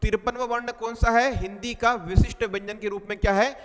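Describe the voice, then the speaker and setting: A man's voice: high voice, fairly even intonation, fairly quick. A man giving an exam-prep lecture, repeating each point and quizzing his students with questions. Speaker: teacher. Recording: long hall reverb.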